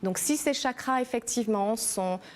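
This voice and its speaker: A woman's voice: fairly high pitch, normal speed. A woman from New Caledonia, an energy healer, explaining her practice in an interview, with many fillers and restarts. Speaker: energy healer and massage therapist.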